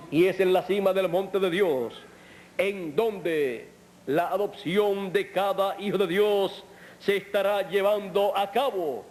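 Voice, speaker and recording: A man delivering a measured sermon, with deliberate, drawn-out phrasing and long pauses. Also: sits high, a little mellow. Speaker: preacher. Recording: old sermon recording.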